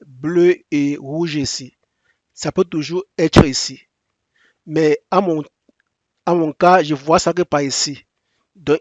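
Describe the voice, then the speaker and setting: A native English-speaking man presents a screen-recorded software tutorial in halting, non-native French, restarting often. He gives step-by-step, repetitive instructions in a slightly high voice. The audio is dull, with no echo.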